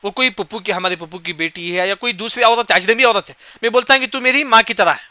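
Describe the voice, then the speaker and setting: A man with a high, very bright and forceful voice teaches a Quran commentary lesson. He keeps posing questions and answering them himself, repeating each point. The sound is close and dry. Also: clear, resonant tone, no echo. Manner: asks and answers his own questions, repeats key points; recites short Arabic verse phrases then glosses them.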